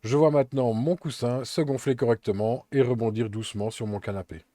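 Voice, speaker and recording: A man calmly narrating a step-by-step software tutorial, explaining each action as he works, with an occasional filler. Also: medium pitch, fairly quick, no room sound. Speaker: Blender tutorial instructor.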